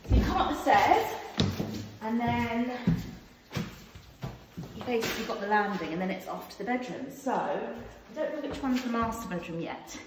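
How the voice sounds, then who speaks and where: A woman's voice: a little high, moderate pace, noisy background. Chatty woman in echoey empty rooms. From England. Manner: chatty, playful, lively tour-guide banter. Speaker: vlogger. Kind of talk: casual house-tour vlog. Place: empty house with bare rooms and wood floors. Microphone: phone held at arm's length and on a tripod.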